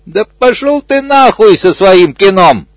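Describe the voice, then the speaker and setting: A man's voice: sits high, sing-song, unhurried, no room sound, studio quality, pitched above the performer's own voice. A man voicing a crude, pushy male hippo who curses and squeals insults in a raised voice.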